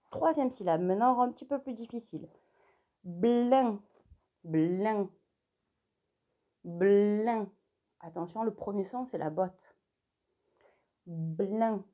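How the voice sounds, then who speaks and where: A young adult woman teaching a remote spelling lesson to young children, dictating clearly and spelling letters one by one, encouraging the child directly. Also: medium pitch, warm tone. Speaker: primary school teacher.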